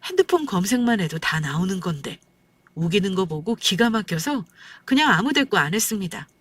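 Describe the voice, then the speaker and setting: Calm woman narrating a story. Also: mid-range voice, dry recording. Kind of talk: scripted first-person story narration.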